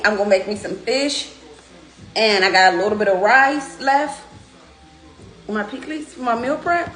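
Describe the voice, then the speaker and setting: Woman chatting while chewing, roomy echo. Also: fairly high pitch. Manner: drawn-out, emphatic, informal folksy delivery with frequent appreciative hums. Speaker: mukbang host eating on camera. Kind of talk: casual mukbang chat to viewers. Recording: roomy echo, music behind.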